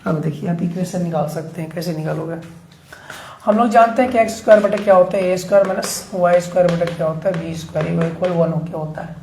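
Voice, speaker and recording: A man's voice: high voice, fairly even intonation, fast, vocal fry, a little mellow. A man teaching maths at a board, chatty and keeps checking in with his students. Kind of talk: board lesson explaining steps. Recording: echoey room, faint background noise.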